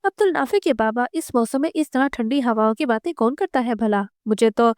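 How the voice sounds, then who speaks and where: A woman reading the part of a caring young wife and mother who fusses and scolds gently. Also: fairly high pitch, expressive, brisk, no room sound, clean studio sound, natural voice. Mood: fussy. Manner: fussing and scolding.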